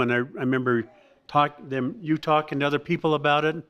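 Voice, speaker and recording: A middle-aged man giving a halting, reminiscing tribute to his mother at a family birthday gathering, with many restarts and laughs. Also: mid-range voice, fairly bright tone.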